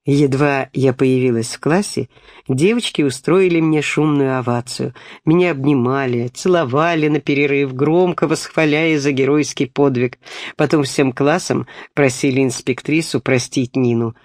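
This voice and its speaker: A man narrating a story from a book in a gentle, expressive reading voice. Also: mid-range voice, normal speed, dry recording, clean studio sound. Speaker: audiobook reader. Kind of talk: scripted narration.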